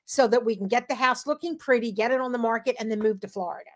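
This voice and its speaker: A woman in her seventies, a podcast guest, telling lively stories in casual chat. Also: on the high side, fast. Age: 70s. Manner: lively storyteller.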